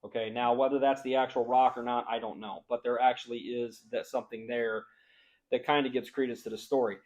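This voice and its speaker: A man's voice: medium pitch, fairly even intonation, brisk, darkish tone, poor audio. A man teaching a conversational Bible lesson, explaining the story casually and reading scripture passages aloud with rising emphasis.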